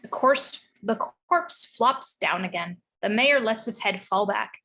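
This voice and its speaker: A woman's voice: medium pitch, expressive, measured pace, pushed and bright. A woman narrating the stage directions of a script in a read-through.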